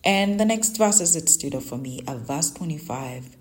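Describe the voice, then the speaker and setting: A young woman, Luganda her first language, hosts a Bible devotional podcast, offering earnest, conversational reflections on scripture and her own life as personal teaching. Her voice is deep and expressive, at a normal speed.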